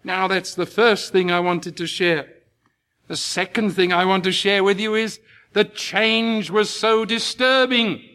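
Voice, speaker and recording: A man preaching a sermon to his congregation, slow and emphatic, rising into impassioned peaks. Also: high-pitched, steady tone, sharp tone.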